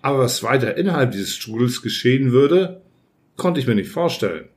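A man narrating an audiobook in the first person, reading in a measured, even way. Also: mid-range voice. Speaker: audiobook reader.

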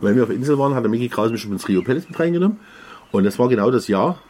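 Husky middle-aged guy w saxon accent, rambly podcast chat, lots of ähm. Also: medium pitch, animated, rapid-fire, a little mellow. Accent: Saxon German. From Saxony, Germany. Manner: rambling anecdotes with many fillers. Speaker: podcast co-host, DJ. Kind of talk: casual chat.

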